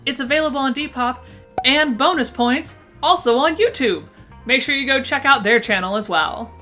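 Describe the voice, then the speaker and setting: Over background music, a vintage shop roundup presenter reads an upbeat scripted list to camera, her lisp giving her s a slushy sound. She speaks at a moderate pace in a high, bright, forceful voice.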